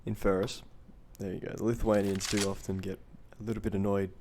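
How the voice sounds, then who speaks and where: A man giving play-by-play commentary on a competitive shooter match, quick and jokey with banter. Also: lowish voice, flat delivery, a little mellow, slight background noise. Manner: jokey, banters with a co-caster off mic. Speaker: esports caster.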